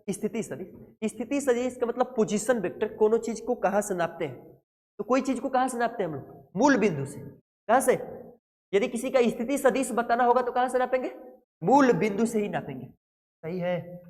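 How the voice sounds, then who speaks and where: A man's voice: very high-pitched, animated, fairly quick, a little mellow. A male physics teacher lectures to a class, keeps asking questions and answers them himself. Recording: long hall reverb.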